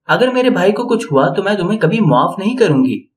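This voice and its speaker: Picture an angry young sister in an audio story, sharp with blame and close to tears, as a man reads her lines. Her voice sits a little high. She pleads and accuses in the same breath. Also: big pitch swings. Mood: accusing.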